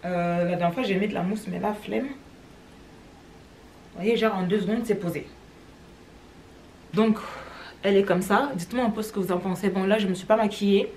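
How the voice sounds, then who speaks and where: A woman's voice: mid-range voice, normal speed, pauses often, a little mellow, a little hiss or hum. A young woman from Cameroon with a French accent, chatting casually to her vlog audience, rambling with lots of fillers. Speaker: vlogger.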